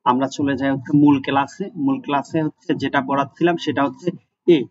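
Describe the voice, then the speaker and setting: A man's voice: mid-range voice, steady tone, fast talker, no room sound. A man teaching German letters in a screen-recorded lesson, patient, repeating each sound several times, with many "ah" fillers. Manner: frequent "ah" fillers. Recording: dull lo-fi recording.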